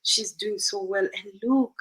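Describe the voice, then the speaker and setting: A woman's voice: mid-range voice, unhurried, a bit bright, low-quality recording. A middle-aged woman from Uganda, a guest in an interview, earnestly giving advice and acting out conversations with her children.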